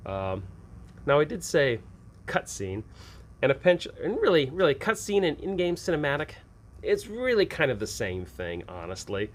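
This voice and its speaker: A game master show host from the US gives rambling, casual advice without a script. He sounds a little high-pitched and very animated, at a moderate pace, over a clearly noisy ambient background.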